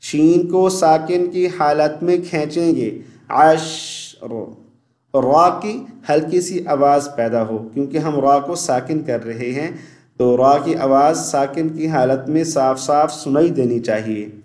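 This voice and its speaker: A man teaching Quran recitation, stretching the recited words slowly between quick spoken explanations. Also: a little high, a little mellow, roomy sound. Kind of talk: online recitation lesson.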